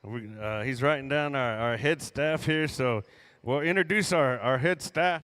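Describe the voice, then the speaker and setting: A man working as a powwow emcee, addressing the arena crowd in a folksy, drawn-out announcer style with joking asides, over the PA. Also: mid-range voice, a bit bright, clear, resonant tone. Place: large indoor coliseum. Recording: arena PA with long hall reverb.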